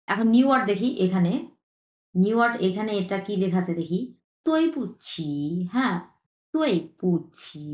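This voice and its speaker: A woman's voice: medium pitch, darkish tone. Echoey woman teaching a language class. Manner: repeats words slowly, checks in with "হ্যাঁ?". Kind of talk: online language lesson.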